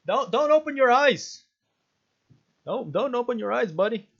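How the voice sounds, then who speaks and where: A gaming video host does a let's play of a visual novel, reading its text aloud and breaking off for jokey, sweary exclamations. His voice is extremely high, gravelly and a bit bright, with lively intonation at a measured pace, and the recording sounds lo-fi.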